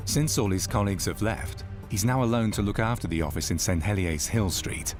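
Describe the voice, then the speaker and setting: A man reads documentary narration in a low, steady voice, measured and dramatic. Music plays clearly underneath him throughout. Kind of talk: scripted narration.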